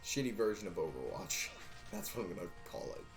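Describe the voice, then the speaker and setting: Rambling joking male streamer, low voice. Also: big pitch swings, brisk, soft background music. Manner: rambling, joking, counting aloud, sings to himself. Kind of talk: casual live-stream chatter while gaming.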